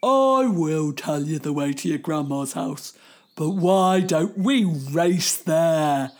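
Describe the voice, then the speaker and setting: A woman's voice: low voice, expressive, slow pace, darkish tone. A woman voicing a sly, scheming male wolf in a children's story, wheedling and hesitant.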